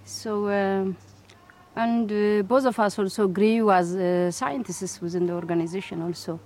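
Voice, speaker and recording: A middle-aged woman scientist from Ethiopia, answering interview questions thoughtfully with many pauses, fillers and restarts. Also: medium pitch, steady tone, darkish tone. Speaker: scientist and institute director.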